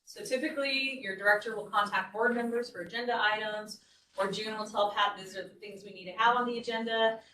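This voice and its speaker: A woman's voice: mid-range voice, steady tone, fairly quick, pushed and bright, a little hiss or hum. A woman city staff presenter giving a board training, talking conversationally and explaining with frequent restarts. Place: meeting room. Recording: echoey meeting room, distant mic.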